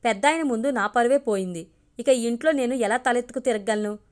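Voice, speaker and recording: A stern middle-aged wife who scolds in short, sharp sentences, read by a woman. The voice sits a little high. It is a spoken storybook. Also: brisk, close to an everyday voice. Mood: scolding.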